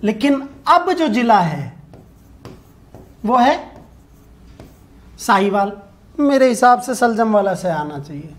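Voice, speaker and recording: A man leads an online exam-prep lesson in a voice pitched rather high for a man. He keeps asking rhetorical questions and answering them himself. He repeats each key point and asks viewers to reply in the comments. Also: big pitch swings, slow, long pauses. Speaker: teacher.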